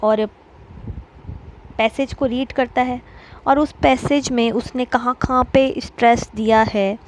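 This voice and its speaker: A woman's voice: a little high, fairly even intonation, poor audio. Woman lecturing with faint background hiss. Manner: explanatory, many filler pauses. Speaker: teacher. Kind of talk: exam-prep lecture.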